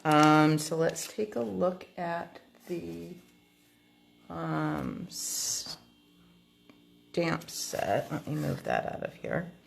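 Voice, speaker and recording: A woman's voice: sits low, big pitch swings, drawn-out words, creaky, long pauses, a little hiss or hum. A woman hosting a card-making tutorial, chatting casually through an unboxing and thinking aloud with frequent ums.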